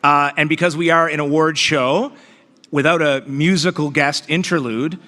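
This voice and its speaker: A man's voice: on the high side, steady tone, normal speed, bright, forceful tone. A man co-hosting a live awards gala, joking and self-mocking as he announces sponsors. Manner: playful, self-mocking banter. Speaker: awards show co-host. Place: large banquet hall. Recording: reverberant hall PA sound.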